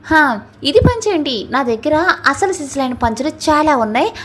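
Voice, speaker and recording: A woman's voice: high-pitched, very animated, moderate pace, a little hiss or hum. A woman voicing a talkative older man on a trip who keeps teasing and making puns. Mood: chatty. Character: chatty older man, a jokey uncle on a trip.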